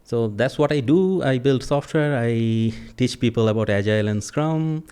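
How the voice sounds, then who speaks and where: A man in his forties from Bangladesh, a native Bengali speaker, talking as a podcast guest in a thoughtful, relaxed conversational way. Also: mid-range voice, moderate pace, clear, resonant tone. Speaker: podcast guest, agile coach. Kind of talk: casual interview conversation.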